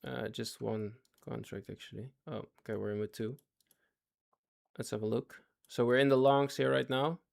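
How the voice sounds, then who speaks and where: At normal speed, a man with a medium pitch, vocal fry and little pitch movement narrates his trades live for chat. This day trading livestreamer is losing his voice, talks in fits and starts, repeats himself, and keeps checking that viewers follow.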